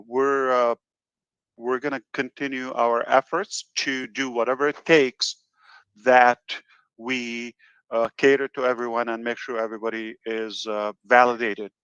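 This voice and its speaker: A man hosting a webinar over a video call, talking in a reassuring, halting way with many fillers. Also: medium pitch, a bit bright, smooth, no echo, muffled recording. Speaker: webinar host. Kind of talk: casual webinar talk.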